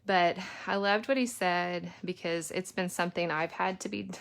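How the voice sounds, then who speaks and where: A woman's voice: lowish voice, fairly even intonation, moderate pace, vocal fry, a bit bright. A woman chatting casually as she leads a painting lesson in her home studio, talking through each step. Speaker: lettering teacher and mother.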